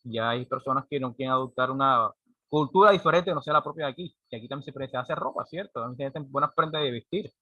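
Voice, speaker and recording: A man's voice: mid-range voice, fast, no room sound, muffled recording. A man, giving a classroom lecture and often checking in with a rhetorical "right?". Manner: explanatory, frequent rhetorical "¿cierto?" checks. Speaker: teacher.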